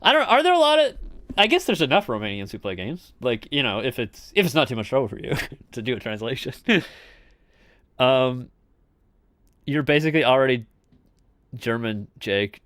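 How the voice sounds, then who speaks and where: A man's voice: medium pitch, big pitch swings, moderate pace, pauses often, no room sound. A man developing a game live, joking with his viewers and mumbling through code as he debugs, rambling with chuckles. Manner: talks to viewers in chat; mumbles quietly while debugging. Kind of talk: casual live coding chat.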